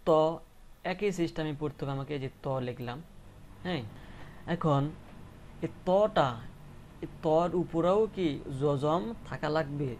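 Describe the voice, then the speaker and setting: A man's voice: a little high, unhurried, long pauses, a little mellow, slight background noise. A man giving a spoken tutorial on reading the Quran, patiently repeating letters and asking rhetorical questions.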